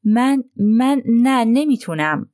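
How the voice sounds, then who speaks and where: A woman doing a hesitant young gentleman. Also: medium pitch, expressive, no echo, studio quality, lightly acted. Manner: hesitant, faltering. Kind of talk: audiobook reading.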